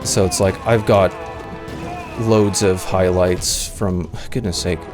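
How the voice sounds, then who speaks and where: A man's voice: deep voice, fairly even intonation, slow. A man, chatting casually and at length on a livestream, meandering with lots of fillers and restarts. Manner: meandering, self-deprecating, many fillers and restarts. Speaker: streamer. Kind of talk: casual rambling livestream chat. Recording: music playing clearly behind the voice.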